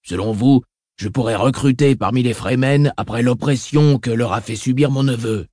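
A man voicing a cold, scheming, menacing baron in an audiobook reading, curt and measured. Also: mid-range voice, mellow, no echo, clean studio sound, natural voice.

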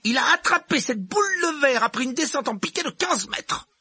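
A man's voice: very high voice, lively intonation, brisk, bright, forceful tone, dry recording, studio quality, pitched above the performer's own voice, heavily acted. A man voicing a stern elderly female professor who speaks curtly and commandingly. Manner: curt, commanding.

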